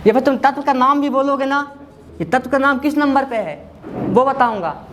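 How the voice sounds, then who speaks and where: A man's voice: very high voice, moderate pace, fairly bright tone, a little hiss or hum. A man teaching a memory class, reciting long lists by rote and then quizzing his students in a casual, chatty way.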